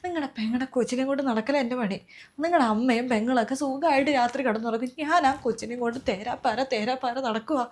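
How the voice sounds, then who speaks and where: A woman's voice: a little high, lightly acted. A woman playing an exhausted, overworked sister-in-law who complains and rants in a comedy sketch. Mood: furious. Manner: complaining, rapid, exasperated. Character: overworked elder sister-in-law, weary and fed up.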